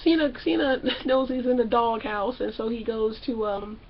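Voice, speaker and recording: A woman's voice: on the high side, normal speed, muffled recording, a little hiss or hum. A woman hosting a casual comedic TV recap in a brash, profane way, putting on voices for the people she describes. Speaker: TV show recap host.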